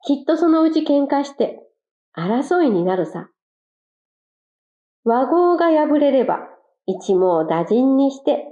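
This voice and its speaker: Smug male bird-catcher, gruff and boastful, lo-fi storybook voice, put on by a woman narrator. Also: high-pitched, warm tone, pitched above the performer's own voice. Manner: gruff, cocky, self-satisfied. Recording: dull lo-fi recording.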